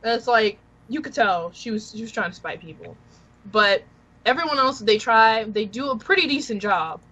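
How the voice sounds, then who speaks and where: A woman's voice: on the high side, lively intonation, normal speed, a bit bright, low-quality recording. A woman cosplayer and commentator on a podcast, blunt and opinionated. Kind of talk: casual podcast chat.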